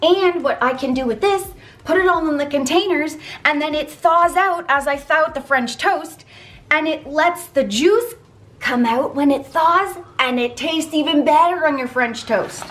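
Woman, 30s, high bright pitch, casual cooking vlogger, home kitchen, camera close. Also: a little slow. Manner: chatty, upbeat, talks while cooking. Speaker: vlogger sharing meal prep. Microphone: handheld camera held close.

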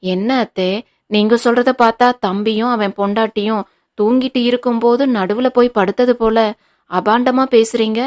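A woman's voice: on the high side, fairly even intonation, normal speed, darkish tone, natural voice. A woman voicing a scheming young daughter-in-law who pleads with feigned innocence, in an audiobook reading. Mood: pleading.

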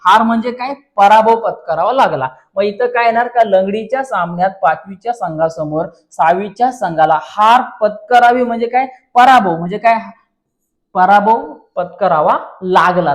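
In this exam paper walkthrough lesson, a man with a high, expressive voice speaks at a moderate pace. He constantly throws out rhetorical questions and calls his viewers friends as he guides students through the paper.

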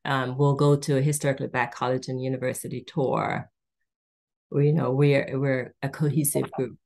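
A Jamaican woman with a low voice talks as an interview guest over a video call. She tells stories warmly and acts out the voices of the people in them. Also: level tone, normal speed. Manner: warm storytelling, acts out quoted voices.

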